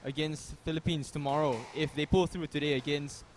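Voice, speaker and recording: Young male commentator, slightly higher voice, laid-back chat over faint venue hum. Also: fairly quick. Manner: relaxed, chatty, says "man" and "you never know". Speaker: squash commentator. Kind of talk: casual live sports commentary.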